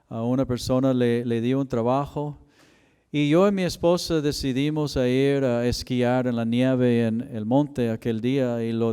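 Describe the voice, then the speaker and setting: A man's voice: mid-range voice, warm tone, smooth. A man pastor preaching a sermon and telling a personal story with emotion. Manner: storytelling, emotional, slow and deliberate. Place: church chapel. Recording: long hall reverb.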